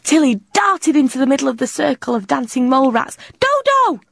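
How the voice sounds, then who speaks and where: Female storyteller, higher-pitched, expressive children's-book read, dry close mic. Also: fast talker, gravelly, slightly rough, dry recording. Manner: expressive, lively narration.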